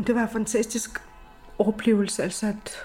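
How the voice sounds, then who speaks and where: A woman's voice: mid-range voice, soft background music. A woman retells a moving experience from her own life. She speaks with feeling and slips into the voices of the people she quotes. Her tone stays personal and conversational. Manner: lively, tearful retelling with acted quotes. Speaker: storyteller recounting a personal experience. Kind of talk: emotional personal anecdote.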